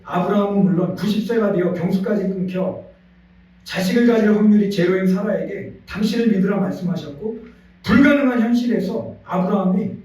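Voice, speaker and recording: A male pastor preaching a Sunday sermon in a church, telling stories with feeling and leading the congregation in repeating after him. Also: high-pitched. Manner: animated storytelling preacher, leads congregation in call-and-response. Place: church sanctuary. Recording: echoey church hall, voice from a distance.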